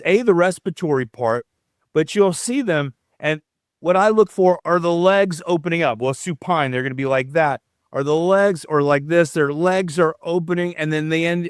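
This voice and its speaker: Middle-aged male guest, lively explainer, clear smooth voice, fairly high for a man, dry close sound. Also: no room sound. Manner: animated, explanatory, demonstrative. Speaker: chiropractor guest. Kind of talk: podcast interview answers.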